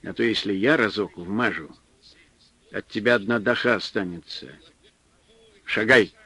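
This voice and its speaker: A man reading an audiobook, voicing a terse, hard male traveler who speaks curtly and in a low, threatening way. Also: measured pace, bright, forceful tone, husky, no room sound, heavily acted.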